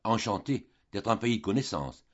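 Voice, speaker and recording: An affected society countess chatters in a brisk, falsely light tone, voiced by a man. His voice is lifted noticeably above his own low register and stays a little husky. The audiobook recording has a slightly dull sound. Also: expressive. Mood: distracted.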